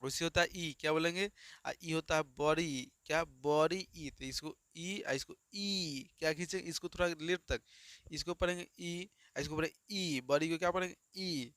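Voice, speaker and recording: A man's voice: on the high side, steady tone, a little fast, a bit bright, dry recording, studio quality. A man teaching a grammar lesson, asking and answering his own questions over and over. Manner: repetitive call-and-response questioning.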